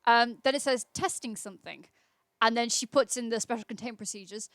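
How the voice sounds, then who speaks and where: Reading aloud on her livestream and answering chat, this host keeps things casual and chatty. She speaks a little fast in a slightly high voice, with no echo in the sound.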